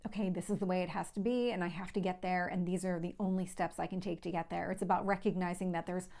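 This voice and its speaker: Fast-talking, with vocal fry, a darkish tone and fairly even intonation, this woman has a voice on the low side and a slight lisp. As a tarot reader and channel host, she gives viewers a conversational reading, explaining reassuringly and often repeating points.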